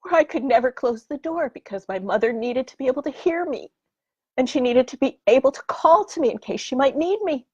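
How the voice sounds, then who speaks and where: A woman giving a heartfelt personal talk on emotions, often dropping into soft whispers and then rising to emphatic intensity. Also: high voice, expressive, fairly quick, husky, dry recording, dull audio.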